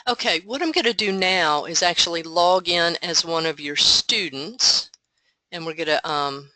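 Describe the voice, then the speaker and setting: Woman, software trainer, online meeting, headset mic, bright forceful tone, dry close sound, patient explainer. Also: fairly low pitch, a little slow, no echo, rough recording. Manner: explanatory, patient, thinks aloud.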